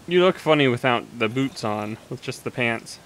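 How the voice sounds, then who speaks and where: A man's voice: mid-range voice, animated, normal speed, slight background noise. A man hosting a casual gameplay session, thinking aloud with enthusiasm as he explores. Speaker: let's play host.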